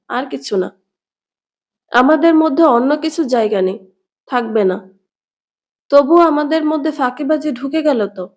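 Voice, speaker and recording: A desperate young lover who pleads and reproaches by turns, as a woman reads his part. He sounds high for a man, and the delivery is a storybook reading rather than full acting. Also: darkish tone.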